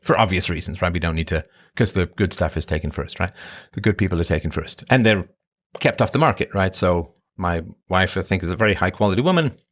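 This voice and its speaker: Here a middle-aged man, Irish-born and English-raised, chats loosely in reply to his live chat audience. His voice is expressive, brisk and a bit bright, and his casual monologue wanders conversationally with strong rises and falls in pitch.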